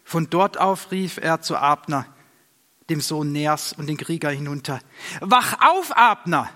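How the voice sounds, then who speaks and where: A man narrating a Bible story aloud in a steady, measured storytelling manner. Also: on the high side. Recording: long reverb.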